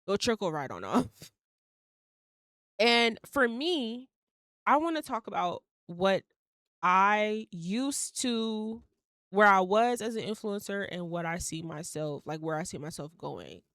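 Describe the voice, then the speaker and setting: This young woman in her twenties hosts a solo podcast in a medium-pitched, fairly bright voice with lively intonation and a slow pace. She rambles casually with lots of fillers, swears now and then, and laughs mid-sentence. The recording is dry and studio quality.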